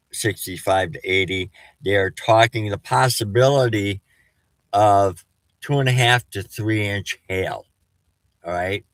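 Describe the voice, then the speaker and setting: A man with a slightly low voice talks slowly through a casual storm-chasing weather update. His s sounds whistle from false teeth. He is halting, often restarting mid-thought, and the sound is dry with little room to it. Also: fairly bright tone, no room sound, low-quality recording.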